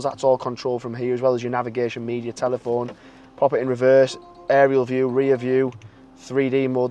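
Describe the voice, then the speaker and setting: A man giving an enthusiastic, chatty walkaround sales pitch for a car.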